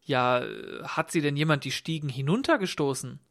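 A man's voice: fairly high pitch, lively intonation, normal speed, fairly bright tone. Man doing a startled host. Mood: astonished. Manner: astonished, fussing questions. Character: puzzled, concerned male host Michael.

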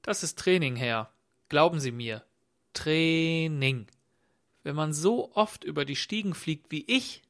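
A man voicing a clumsy, pushy insurance agent with smooth sales patter. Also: fairly high pitch, lively intonation, takes it slowly, a bit bright, heavily acted. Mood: unbothered.

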